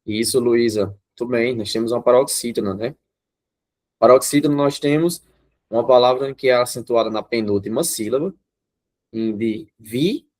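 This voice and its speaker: Brazilian guy teaching grammar online, explains things slowly, keeps asking "right?". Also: mid-range voice, a little mellow. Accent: Brazilian Portuguese. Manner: explanatory, checks in with students often.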